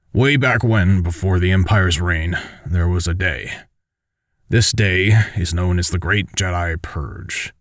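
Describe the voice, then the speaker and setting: A man doing a weary old mentor in a sci-fi fan audiobook, with a very deep, dry, close voice. He speaks slowly and softly, measured and solemn. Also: dry recording. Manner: slow, measured, solemn delivery. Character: older man, guarded mentor, grave and weary.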